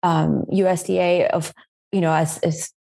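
A woman's voice: lowish voice, level tone, measured pace, creaky, dark tone. A woman in her forties from Spain, a podcast guest who talks in a chatty way, full of fillers and "right?" tags. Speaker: guest, meal-planning website founder. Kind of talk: casual podcast interview.

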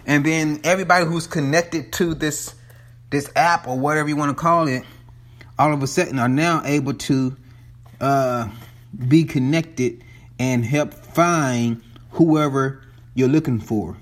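A man's voice: a little high, measured pace. Slightly breathless man rambling casually. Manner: loose, profane, chatty, restarts often. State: a bit out of breath. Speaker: vlogger reviewing a movie. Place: townhome, walking up and down stairs. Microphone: phone held in hand.

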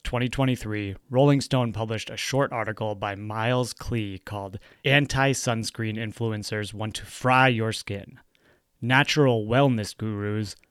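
A man's voice: on the low side, fairly bright tone, smooth, no room sound. Dry-voiced man reading his book. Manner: dry, wry, measured.

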